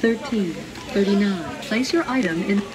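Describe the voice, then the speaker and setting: A recorded woman's voice giving automated self-checkout prompts from a kiosk speaker in a store, in flat, evenly paced phrases. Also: mid-range voice, normal speed. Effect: recorded checkout machine prompt played through a kiosk speaker.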